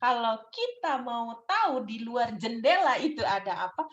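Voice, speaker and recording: A woman's voice: fairly high pitch, sing-song, measured pace, fairly bright tone. A woman, a university lecturer giving a casual teaching talk in a chatty way, often adding "gitu ya" and English terms. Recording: dull lo-fi recording.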